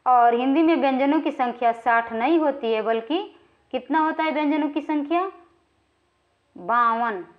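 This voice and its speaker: A woman's voice: high-pitched, moderate pace. A woman teaching a grammar lesson for exam preparation. She reads out quiz questions and options, explains each answer step by step, and keeps checking in with her listeners. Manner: explanatory, frequently checks in with "ठीक है" and draws vowels out when naming sounds. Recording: slightly dull, lo-fi recording.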